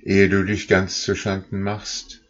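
A man voicing a small farm boy who gently pleads with his companion to turn back. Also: low-pitched, completely flat delivery, unhurried, highs cut off, voice pushed up. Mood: coaxing. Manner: pleading, coaxing.

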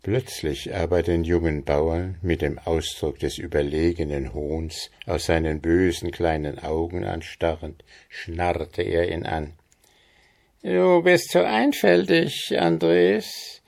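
Slow gravelly male storyteller. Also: extremely low pitch, flat delivery, a little mellow. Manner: measured storytelling. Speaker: narrator. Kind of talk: scripted audiobook narration.

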